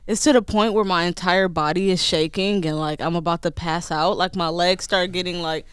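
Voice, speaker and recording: A woman's voice: on the low side, moderate pace, clear, resonant tone, dry recording, studio quality. A woman with a slight lisp in casual podcast chat, swearing and acting out quoted people. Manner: animated, swearing, acts out quotes. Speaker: podcast co-host.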